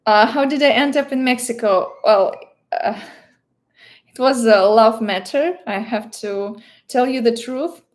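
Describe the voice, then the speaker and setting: Her pitch is fairly high and her delivery unhurried. She's a livestream host whose first language is Russian, and her accent shows as she playfully, casually responds to questions, often hunting for words.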